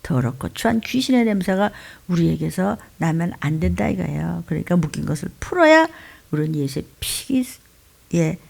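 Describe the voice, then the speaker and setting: A woman pastor preaching an impassioned sermon in a church, swinging between loud cries and hushed asides. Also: on the low side, lively intonation, normal speed, gravelly. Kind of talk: impassioned Friday night sermon.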